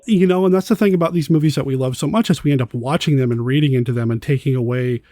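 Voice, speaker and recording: A man's voice: mid-range voice, fast, warm tone, no room sound, clean studio sound. A man hosting a podcast, chatting enthusiastically about a film, rambling a little with restarts. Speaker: podcast host. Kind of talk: casual film discussion.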